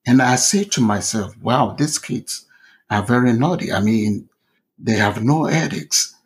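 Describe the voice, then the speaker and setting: A man's voice: medium pitch, measured pace. A middle-aged man from Ghana with a Ghanaian accent, telling his story as an interview guest, hesitant with many fillers and restarts. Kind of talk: conversational storytelling.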